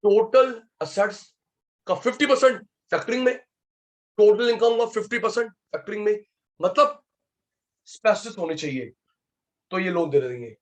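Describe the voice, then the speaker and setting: A man teaching an online exam-prep class as a professor, animated, repeating key terms, mixing in English terms and calling on students by name. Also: high-pitched, moderate pace, pauses often. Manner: mixes English terms into speech.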